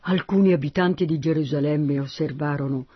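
High-voiced male Bible narrator. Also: brisk, husky, no room sound, dull audio. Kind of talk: Bible reading.

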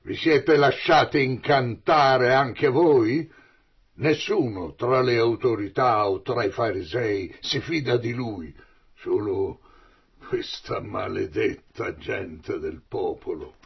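A man reading the lines of the Pharisees in a loud, husky, contemptuous voice. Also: deep voice, very slow, muffled recording, full character voice. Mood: scornful. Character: scornful male Pharisees, angry officials. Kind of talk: dramatic Bible reading.

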